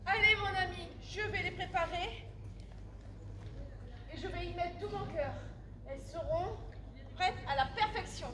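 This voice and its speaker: A timid, naive medieval wife, played by a woman in a stage farce. She speaks very high and slowly, hesitant and exclamatory, in an echoey live recording. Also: noisy background. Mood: dutiful. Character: timid, obedient medieval wife with a greedy streak. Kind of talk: open-air farce acting.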